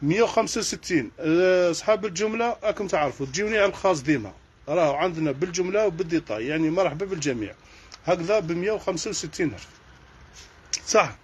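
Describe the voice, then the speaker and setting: Fast-talking Algerian man listing prices. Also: high voice, expressive, slightly rough. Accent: Algerian Arabic. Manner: rattles off prices in quick succession. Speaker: kitchenware shop owner. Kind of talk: live sales stream.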